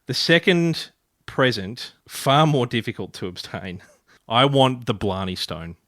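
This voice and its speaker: A man's voice: medium pitch, big pitch swings, measured pace, fairly bright tone, no room sound, studio quality. A man from Ireland, hosting a podcast in a playful, rambling casual chat. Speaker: podcast host.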